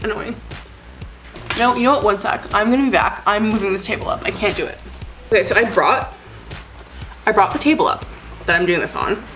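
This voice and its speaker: In her basement at home, a woman beauty vlogger chats to a desk-mounted camera under a ring light, with faint music in the background. Her talk is rambling and self-deprecating, heavy on "like," and she's a bit sniffly. She has a medium-pitched voice, and the audio quality is poor.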